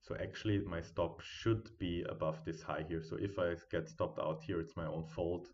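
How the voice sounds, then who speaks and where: A man with a deep, low voice gives live trading commentary from home. He thinks aloud over the charts and chats easily with his viewers. His built-in computer mic makes him sound quiet and dull. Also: steady tone, moderate pace. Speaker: day trading streamer.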